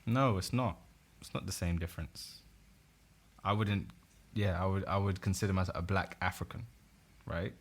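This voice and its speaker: A man's voice: sits low, fairly even intonation, moderate pace, long pauses. A young man co-hosting a podcast, arguing his point insistently in a casual debate. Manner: insistent, repeats no over and over. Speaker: podcast co-host.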